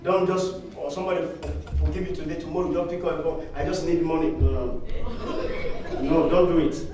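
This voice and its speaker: A man's voice: a little high, steady tone, brisk, dark tone. A man with a Nigerian English accent preaching a sermon as pastor, acting out quotes and laughing. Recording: very echoey hall, distant mic.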